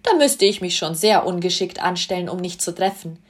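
A woman voicing a poised noble lady with a bright, light voice in a children's story. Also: lowish voice, lively intonation, brisk, close to an everyday voice. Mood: gracious.

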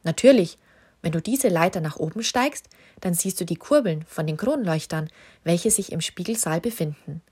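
A gentle, earnest storybook king who looks after his small companion, protective yet a little jumpy himself, as a woman reads him. The voice stays husky and low-set. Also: animated, normal speed. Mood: explaining. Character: kind, slightly fearful male king.

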